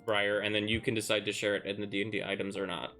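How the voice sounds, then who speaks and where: A man acting as dungeon master, explaining rules patiently in a relaxed way over voice chat. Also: lowish voice, quick pace, soft background music. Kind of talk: running a tabletop game over voice chat.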